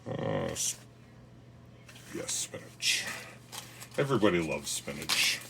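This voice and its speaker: A man with a deep, low voice chats his way through a gardening vlog at home. He rambles, pokes fun at himself and drops corny dad jokes, with a faint hiss behind him. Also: big pitch swings, takes it slowly, creaky. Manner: rambling, self-mocking, cracks dad jokes. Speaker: gardening vlogger. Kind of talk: casual how-to vlog.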